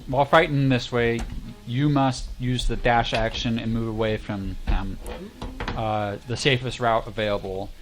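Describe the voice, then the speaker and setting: A man's voice: mid-range voice, fairly even intonation, a little slow, background noise. A man running a tabletop role-playing game, narrating and calling rules casually. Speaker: game master. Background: music.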